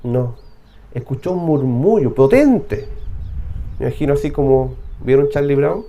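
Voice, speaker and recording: A man's voice: medium pitch, animated, unhurried, muffled recording. A man with a Chilean accent, a pastor preaching a conversational sermon full of rhetorical questions to his congregation.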